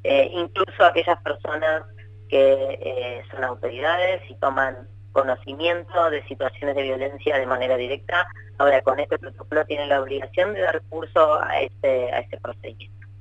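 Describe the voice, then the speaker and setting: Brief: a minister, speaking formally and measuredly over a bad phone connection that keeps breaking up. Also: male voice, mid-range voice, no room sound. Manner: measured and formal, stresses key words. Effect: choppy bad phone connection. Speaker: government minister interviewed by phone. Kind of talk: formal official explanation. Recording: dull, dry, choppy phone line.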